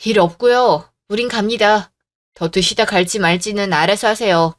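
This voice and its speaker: A woman's voice: medium pitch, normal speed, no echo, studio quality, natural voice. A woman playing a cool, firm young wife. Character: calm assertive young wife, the protagonist. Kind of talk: radio drama acting.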